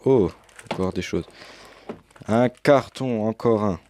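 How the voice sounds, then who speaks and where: A man's voice: fairly low pitch, takes it slowly, a little mellow, a little hiss or hum. A young man casually commenting as he unboxes a game edition, hesitant with many fillers, recorded on a headset mic. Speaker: unboxing youtuber.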